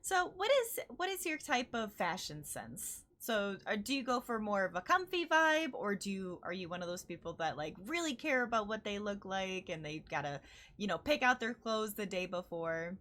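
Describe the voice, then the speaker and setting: An interview host from Chicago, US Midwest, chats casually online with a Chicago accent, bubbly and giggly and laughing easily. She has a mid-range, slightly bright voice that swings widely in pitch, at a normal speed.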